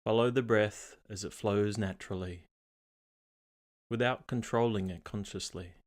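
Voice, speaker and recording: This guided meditation is read from a script by a man whose voice is on the low side; his delivery is calm, measured, and unhurried, with pauses between phrases.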